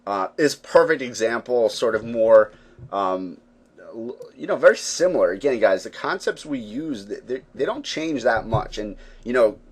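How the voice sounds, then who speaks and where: A man's voice: mid-range voice, expressive, moderate pace, darkish tone, husky. A man hosting a live trading webinar, explaining charts in a conversational way with lots of fillers and check-ins with viewers. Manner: conversational, many fillers and "right, guys?". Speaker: forex trading webinar host. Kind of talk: live webinar teaching, casual.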